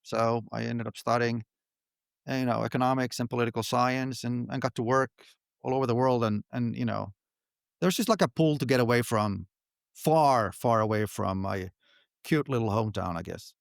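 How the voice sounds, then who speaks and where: A middle-aged man from Finland, answering interview questions in a relaxed, halting way with frequent restarts. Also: medium pitch, creaky, no echo, clean studio sound. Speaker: podcast guest, company founder.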